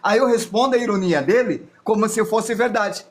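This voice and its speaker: A man leads a live drawing class. His voice sits fairly high for a man. He talks in a loose, chatty way and thinks aloud as he draws. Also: normal speed. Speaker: drawing teacher. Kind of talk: live drawing lesson with chat asides.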